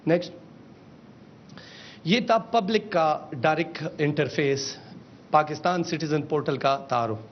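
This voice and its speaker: A man, a government official giving a formal press briefing on a system, mixing in English phrases and calling out each slide. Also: long pauses. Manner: mixes in English phrases, calls out slide changes. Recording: dull lo-fi with faint rumble.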